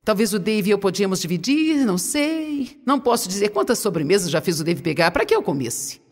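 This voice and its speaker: A woman with a Brazilian Portuguese accent preaching to an audience in a large hall, playful and animated as she tells stories. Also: mid-range voice, fairly quick. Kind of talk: sermon, humorous storytelling. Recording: long hall reverb.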